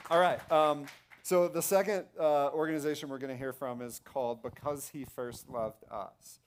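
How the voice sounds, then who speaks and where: A man hosting a church service, making loose, halting announcements with many fillers and restarts. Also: a little high, steady tone, slight background noise. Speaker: church host. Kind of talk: casual stage announcements. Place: church sanctuary stage.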